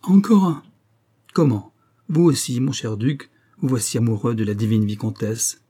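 A man's voice: on the low side, moderate pace, mellow, natural voice. A man reading a novel aloud, voicing a stout, chatty baron who loves gossip. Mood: amused. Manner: chatty and mocking.

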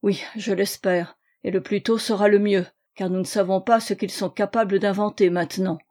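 A man's voice: sits high, fairly even intonation, moderate pace, a little mellow, natural voice. A woman reading an old farmer's lines, a defiant father who speaks fiercely to unwelcome suitors. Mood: grim. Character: enraged old male farmer, blunt father.

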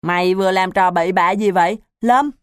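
A woman's voice: on the low side, expressive, measured pace, no room sound, studio quality. A woman voicing a bossy, suspicious schoolboy who talks in an accusing, insistent way.

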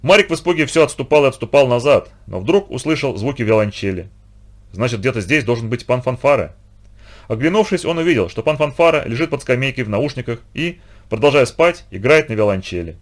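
A man narrating a children's audiobook in an expressive storytelling manner. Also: mid-range voice, fairly quick. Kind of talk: scripted narration.

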